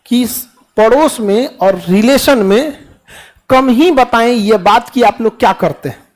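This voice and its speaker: A man's voice: very high-pitched, measured pace. Joking, folksy man. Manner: folksy, joking, asks the class questions and answers them himself. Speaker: teacher giving a motivational talk. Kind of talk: lively classroom motivational speech. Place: classroom.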